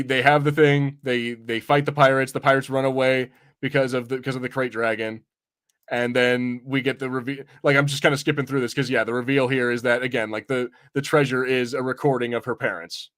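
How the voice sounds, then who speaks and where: A podcast host with a medium-pitched, fairly even voice talks briskly and a bit brightly. He rambles casually about what he's watched, informal and sometimes sweary, in a relaxed review chat.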